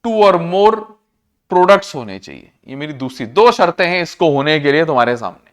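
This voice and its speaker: A man teaching a class, repeating key terms, slowing down to dictate definitions and quizzing students on what was just said. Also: fairly high pitch, sing-song. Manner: slows to a dictation pace for English definitions; addresses students as children. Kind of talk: classroom lecture.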